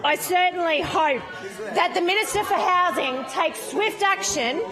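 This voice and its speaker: A woman's voice: extremely high pitch, a little slow, over music, a crowd in the background, poor audio. A woman with an Australian accent giving an emphatic parliamentary speech as an opposition member, repeating phrases for effect. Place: parliamentary chamber.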